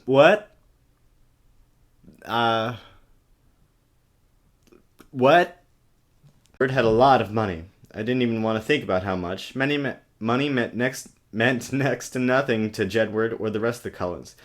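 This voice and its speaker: This comic novel reader has a mid-range voice and a somewhat slow delivery broken by frequent pauses. He mocks the text with overblown, sarcastic asides, and the webcam mic yields choppy, low-budget audio.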